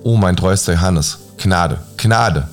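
A man's voice: low-pitched, takes it slowly, faint music behind. A man voicing a young fairy-tale king, mournful and sighing, while reading a bedtime story. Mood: regal.

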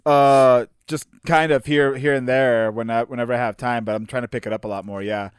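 A man's voice: mid-range voice, fairly even intonation, brisk, smooth, dry recording, studio quality. Laid-back joking young man. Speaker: podcast co-host. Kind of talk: casual chat.

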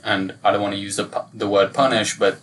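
Flat-voiced man host, distant mic. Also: fairly low pitch, fast. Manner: reflective, asks probing questions, level delivery. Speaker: podcast host. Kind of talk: casual interview chat. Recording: distant mic with faint room noise.

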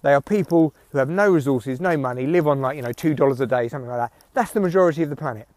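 A man's voice: mid-range voice, racing, darkish tone, no echo. A man hosting a rambling, opinionated solo comedy podcast, ranting and swearing, recorded outdoors through headphones used as a microphone. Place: outdoors in windy weather. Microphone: headphones used as mic. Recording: recorded through headphone mic, rustly clicks.

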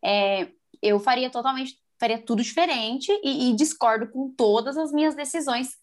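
A woman in her twenties from Brazil talks candidly in a relaxed conversation. Her voice sits a little high. She is animated and slips into quoted dialogue with lively shifts of tone. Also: normal speed. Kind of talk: casual chat.

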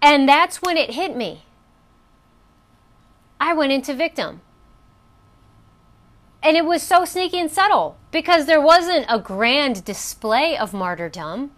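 A woman's voice: high voice, lively intonation, a little slow, long pauses, a bit bright. A woman hosting a personal coaching talk, telling a story in a chatty way with fillers and restarts. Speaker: host.

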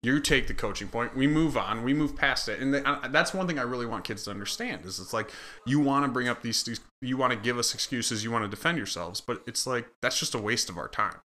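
A man's voice: medium pitch, animated, fairly quick, hardly any pauses, pushed and bright. A man from Michigan, a football line coach, co-hosting a casual podcast and explaining his coaching rules in an earnest, instructive way.

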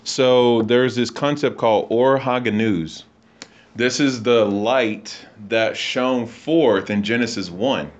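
A man's voice: mid-range voice, slow. A man hosting a livestream, explaining religious texts in a casual teaching style. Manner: explanatory, reads and comments on texts. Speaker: host. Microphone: internet call/stream. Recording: lo-fi online stream audio.

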